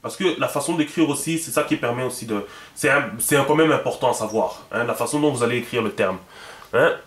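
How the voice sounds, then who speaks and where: A man walks through a writing lesson in a loose, chatty way, circling back and repeating himself with plenty of fillers. His voice sits at an ordinary middle pitch. The room around him is echoey. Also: fairly quick, fairly bright tone. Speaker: teacher. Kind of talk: casual video lesson.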